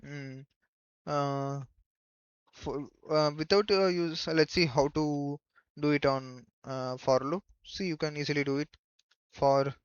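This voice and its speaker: Male tutor, unhurried halting delivery for a screen tutorial, dry and slightly dull recording. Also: on the high side, steady tone, clear, resonant tone, no room sound. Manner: halting, thinking aloud while typing. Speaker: programming tutor. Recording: dull lo-fi microphone.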